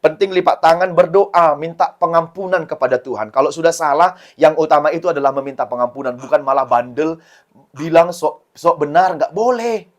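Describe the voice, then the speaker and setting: A man's voice: on the high side, brisk. A man giving a Sunday school sermon to children, explaining in short repeated phrases and acting out prayers with a pleading voice. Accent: Indonesian, Medan. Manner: acts out prayers and quotes in a raised, pleading voice.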